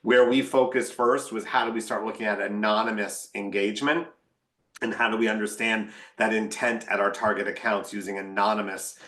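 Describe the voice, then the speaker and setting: A man's voice: lowish voice, steady tone, fairly quick, fairly bright tone, roomy sound. A man, a marketing executive, answering on a webinar panel in a candid, wry way, thinking aloud.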